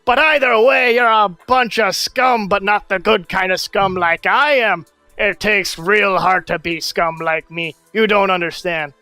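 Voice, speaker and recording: A man voicing a crude, boastful male dwarf brawler who trades insults in a gruff, swaggering way. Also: high voice, steady tone, a little slow, sharp tone, faint music behind, pitched above the performer's own voice, exaggerated voice.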